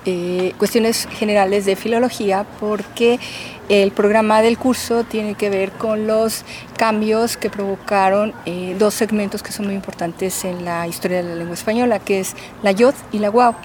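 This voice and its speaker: A woman with a mid-pitched voice explains her subject like a teacher, patient and full of small fillers. A faint hiss sits under her voice. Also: darkish tone. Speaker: linguistics professor. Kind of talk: explanatory interview answers.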